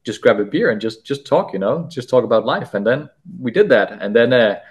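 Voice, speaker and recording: A man's voice: mid-range voice, lively intonation, brisk. A man speaking as a podcast guest, telling a story casually, often stumbling and repeating words as he goes.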